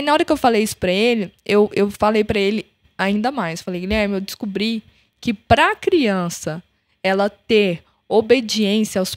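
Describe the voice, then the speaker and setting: A woman's voice: mid-range voice, no echo, studio quality. A young adult Brazilian woman hosting a podcast, telling a personal story and acting out the dialogue in it. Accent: Brazilian Portuguese. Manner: animated, acts out the dialogue of her story. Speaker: podcast host.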